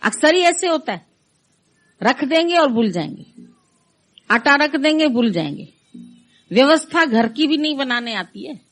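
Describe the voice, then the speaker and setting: A woman's voice: high-pitched, animated, unhurried, long pauses. A middle-aged woman giving a conversational devotional talk, acting out her listeners' complaints in quoted voices. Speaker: spiritual teacher.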